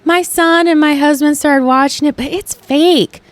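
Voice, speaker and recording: A woman's voice: sits high, fairly even intonation, unhurried, no room sound, voice pushed up. A woman voicing a female coworker who talks in a breezy, offhand way. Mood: dismissive. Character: female coworker, mildly dismissive of wrestling.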